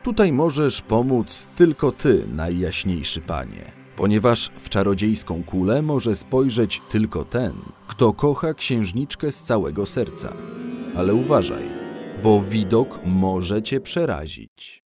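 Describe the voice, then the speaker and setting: Man doing a grave old court wizard, low measured voice, solemn storybook tone, slow. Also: big pitch swings, darkish tone, soft background music.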